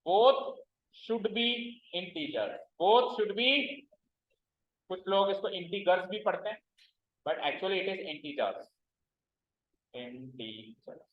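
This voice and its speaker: A man teaching maths to a class, stern and repetitive, quizzing his students as he explains. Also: high voice. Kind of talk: classroom lecture. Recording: roomy, dull lo-fi classroom recording.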